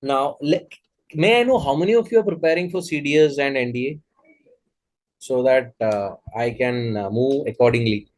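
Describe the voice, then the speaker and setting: An exam coach in his thirties with an Indian English accent teaches students in an online class. He sounds earnest yet hesitant, restarting often, at a moderate pace. His voice is medium in pitch with a darkish tone.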